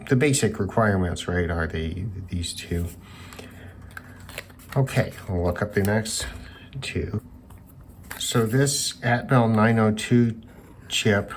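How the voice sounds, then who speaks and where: Some noise sits behind a low-voiced man as he ad-libs his way through an electronics teardown. A hobbyist who reviews radios, he sounds unsure and contemplative, figuring things out as he speaks.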